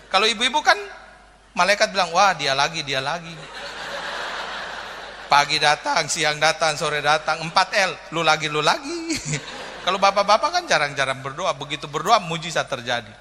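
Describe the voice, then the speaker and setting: Bright-voiced pastor preaching in a hall. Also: male voice, high voice. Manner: humorous, storytelling preaching that addresses the congregation directly. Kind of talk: sermon. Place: church sanctuary. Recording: reverberant hall with faint noise.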